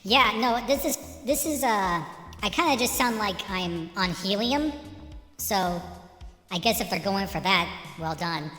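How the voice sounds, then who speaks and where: A man heard through a high baby-voice pitch preset that sounds like helium, amused and protesting. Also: expressive, measured pace, sharp tone, roomy sound, big-room sound, soft background music, exaggerated voice. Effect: high baby pitch-shift preset, helium-like.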